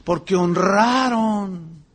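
High-voiced husky preacher. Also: male voice, drawn-out words. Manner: animated preaching, acts out voices and exclamations. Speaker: pastor. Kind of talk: sermon.

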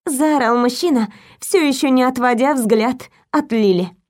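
A woman narrating an audiobook in a steady, even storytelling manner. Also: high-pitched, unhurried. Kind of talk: scripted narration.

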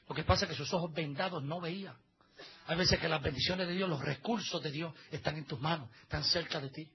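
A pastor preaches to his congregation with a fairly high, very husky and raspy voice. His delivery is emphatic, dropping to quiet asides and rising to loud exhortation. The recording sounds dull and muffled. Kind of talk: sermon. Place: church service.

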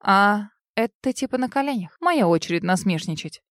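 A woman voicing a hurt, furious young heroine who snaps and shouts in an audiobook. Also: mid-range voice, lively intonation, normal speed, no room sound, clean studio sound, close to an everyday voice. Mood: scornful. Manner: sharp, raised, shouting outbursts.

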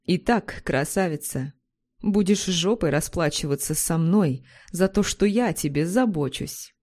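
A woman voicing a pushy, domineering young man in a read-aloud story, rough and bossy. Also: fairly low pitch, expressive, unhurried, a little mellow.

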